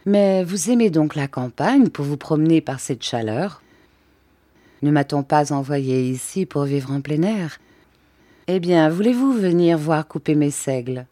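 A sour, curt nobleman in a classic audiobook reading, touchy and quick to blame others, as a woman narrator reads him. The voice sits low and dark, and the recording is close and dry. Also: animated, no echo. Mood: friendly. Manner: curt, sour, self-justifying. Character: middle-aged male count, gloomy, bitter, touchy.

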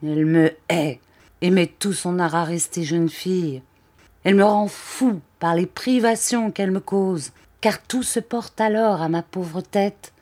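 A woman reading the lines of a ranting, paranoid middle-aged count in a novel, shouting bitter accusations. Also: lowish voice, measured pace. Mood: raging.

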